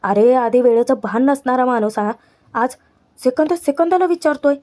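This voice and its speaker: A woman reads an easily annoyed young villager, exasperated and grumbling. The voice is mellow and fairly high. It is a narrated serial recap. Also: expressive, moderate pace.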